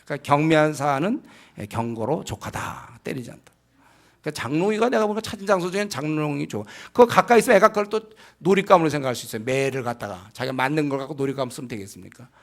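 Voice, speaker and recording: A man's voice: on the high side, animated, fast talker. A man preaching a lecture-style sermon on raising children, emphatic and full of rhetorical questions to the congregation. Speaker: pastor.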